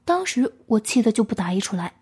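A woman reading a story aloud in a hushed voice, often dropping to a whisper. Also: on the high side, very animated, fast, husky.

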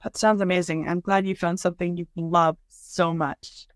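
A woman's voice: on the low side, fairly even intonation, normal speed, no room sound. A woman hosting a podcast interview, asking friendly, eager questions. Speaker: podcast host.

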